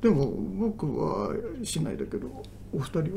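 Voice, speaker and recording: A man's voice: fairly high pitch, very animated, moderate pace, creaky, background noise. A man from Kagoshima, a trumpet player, chatting casually and telling easygoing stories with light teasing. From Kagoshima, Japan. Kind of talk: casual chat.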